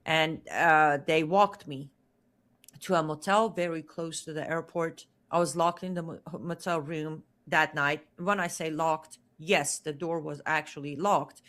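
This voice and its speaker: Unhurried and low-pitched, with fairly even intonation and a slightly bright quality, a woman who speaks Farsi as her first language gives interview testimony. As a guest telling her own story, she is earnest and emphatic and repeats words for stress.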